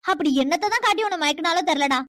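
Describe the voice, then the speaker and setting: A woman's voice: very high voice, racing, a bit bright, no echo. A woman voicing a domineering, scheming mother who scolds and commands her grown son in a cartoon. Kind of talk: cartoon voice acting.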